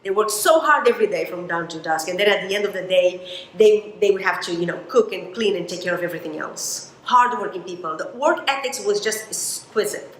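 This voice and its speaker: A woman gives a motivational talk with emphatic, expressive storytelling. Her voice sits in a middle range for a woman. It carries a noticeable roomy echo, as if from a stage in a hall. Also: medium pitch, a little fast, slight background noise. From Romania. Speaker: motivational speaker.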